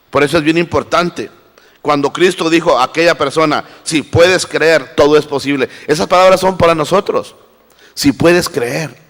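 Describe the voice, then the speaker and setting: A man preaching a sermon as pastor, swinging between loud cries and hushed lines. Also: mid-range voice. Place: church hall. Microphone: handheld microphone. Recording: live church recording with long reverb.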